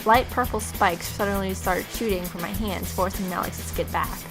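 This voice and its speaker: In a rough recording, a young woman hosting a let's-play speaks at a moderate pace in a medium-pitched voice with fairly even intonation. She reads the game narration expressively and adds playful, casual reactions while game music plays.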